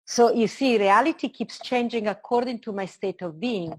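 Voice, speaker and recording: A woman's voice: a little high, moderate pace. A woman with an Italian accent speaks as a spiritual teacher in conversation, earnest and expansive, unfolding her reflections in short phrases. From Italy. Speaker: spiritual teacher being interviewed.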